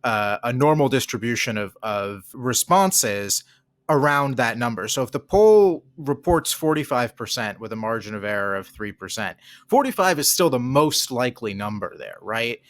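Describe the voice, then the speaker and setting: A man hosting a podcast, with a mid-pitched voice in a dry, close recording. He thinks aloud in a conversational way, repeating words as he works through a point or a question. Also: lively intonation, normal speed, no echo. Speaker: podcast host.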